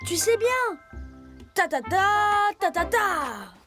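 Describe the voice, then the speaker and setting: A woman voicing a friendly, impulsive little animal kid in a children's cartoon, chirpy and excitable. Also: very high voice, takes it slowly, heavily acted. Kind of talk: French children's cartoon voice acting. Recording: music under the voice.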